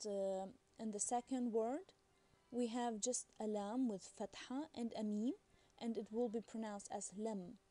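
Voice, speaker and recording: A woman talks through a beginner's language lesson. Her voice is mellow and warm, and she explains patiently. She often pauses on fillers and restarts her sentences. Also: medium pitch. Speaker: Arabic language teacher. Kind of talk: casual recorded lesson.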